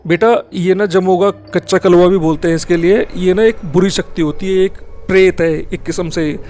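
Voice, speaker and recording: Man voicing a gentle grave aunt. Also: high-pitched, fairly even intonation, moderate pace, a little hiss or hum, natural voice. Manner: gentle, explaining.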